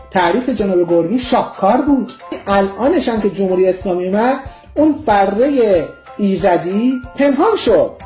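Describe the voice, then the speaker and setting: Brief: high-pitched man from Iran, political commentator, vehement, scornful, lecturing tone. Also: a little mellow. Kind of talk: impassioned political monologue.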